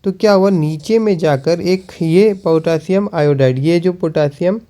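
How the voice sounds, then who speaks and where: Man teaching slowly, mellow voice. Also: fairly high pitch. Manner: repeats questions and answers them, slow while writing. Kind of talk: chemistry lesson.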